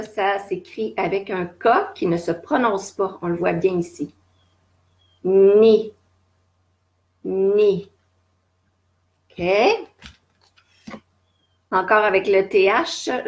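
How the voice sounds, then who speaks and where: A woman with a Québécois French accent leads a live beginners' English lesson from home. She talks at an unhurried, deliberate pace in a mid-range voice, saying each English word slowly two or three times so learners can copy it, with plenty of small fillers as she explains. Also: mid-range voice, vocal fry. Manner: patient, step-by-step explaining with frequent fillers. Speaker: English teacher. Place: at home during lockdown.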